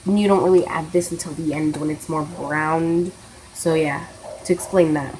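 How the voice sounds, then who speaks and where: A woman's voice: low-pitched, fairly even intonation, normal speed, darkish tone, low-quality recording. A woman casually hosting a cooking demonstration, loosely explaining each step as she goes. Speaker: cooking video host. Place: kitchen, indoors. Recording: clear kitchen noise, sizzling and pans.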